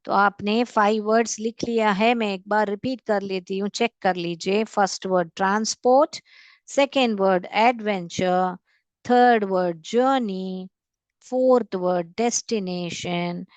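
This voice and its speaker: A woman teaching a school class in Hindi and Indian-accented English. She speaks slowly and patiently, breaking words into syllables and repeating them for dictation. The recording is dry and close. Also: medium pitch, dry recording. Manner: mixes Hindi and English, calls students "beta".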